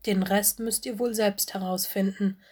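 A woman reading a storybook aloud and voicing a cheerful magical tree-spring that bubbles and talks about itself in the third person, slow and a little husky. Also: mid-range voice, fairly even intonation, a little mellow, lightly acted. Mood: bubbly.

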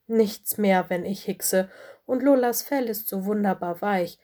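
A woman voicing a small, clingy, whiny male owl chick with a croaky voice in a storybook reading. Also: mid-range voice, unhurried, dark tone, natural voice. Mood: pleading.

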